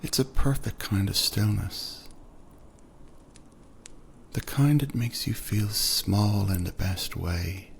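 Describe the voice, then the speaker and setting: A man narrating a second-person sleep story in a soft, soothing voice that often drifts into whispers. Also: fairly low pitch, slow, gravelly, long pauses, slight background noise.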